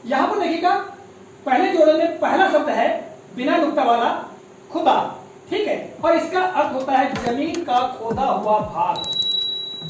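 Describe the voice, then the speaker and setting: A man teaching a grammar lesson, explaining patiently and often checking in with a quick "okay". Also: very high-pitched, distant mic, noisy background. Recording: very echoey room, voice away from the mic.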